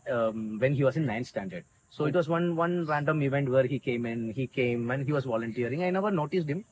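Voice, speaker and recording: A man's voice: medium pitch, slight background noise, poor audio. A man with a South Indian accent telling a story conversationally as a guest in an interview. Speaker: interview guest, volunteer community organiser.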